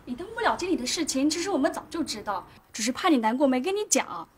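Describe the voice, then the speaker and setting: An actress playing a chatty, teasing young office coworker in a TV drama. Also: female voice, high voice, animated, quick pace, a little hiss or hum. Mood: gossipy. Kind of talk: TV drama acting.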